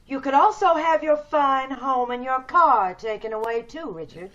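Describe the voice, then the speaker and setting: This woman's voice is high, animated and fairly bright, at a normal speed. Her role in the old-time radio drama is a bitter, rich, resolute ugly woman plotting for a new body, and she sounds cold, insistent and commanding. The recording has the dull quality of a video call.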